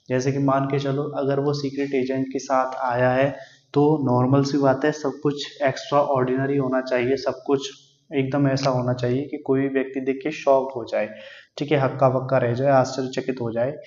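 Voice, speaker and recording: A man's voice: mid-range voice, a little mellow, echoey room, muffled recording. A male teacher who explains an English text line by line in Hindi, asking questions and then answering them himself.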